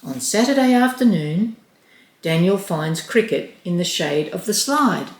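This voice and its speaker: A woman reading a children's picture book aloud as storyteller, in a gentle, clear way. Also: fairly low pitch, lively intonation, measured pace. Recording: roomy echo.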